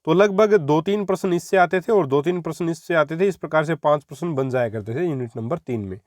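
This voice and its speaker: A man's voice: on the high side, darkish tone, no room sound, studio quality. Young man teaching Hindi grammar. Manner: explanatory, repeats points and addresses students as friends. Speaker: exam-prep teacher. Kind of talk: Hindi grammar lesson for exam candidates.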